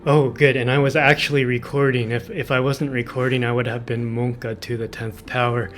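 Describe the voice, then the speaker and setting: A man's voice: mid-range voice, flat delivery, a bit bright. A man hosting a casual game guide video, out of breath and rambling, apologetic, with frequent restarts. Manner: rambling, self-deprecating, halting with restarts. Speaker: gaming video host.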